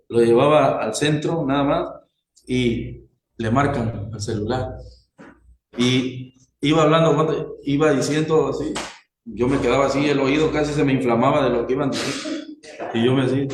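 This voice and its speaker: A man preaching a sermon slowly and deliberately, putting questions to his congregation. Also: medium pitch, reverberant, slight background noise, rough recording.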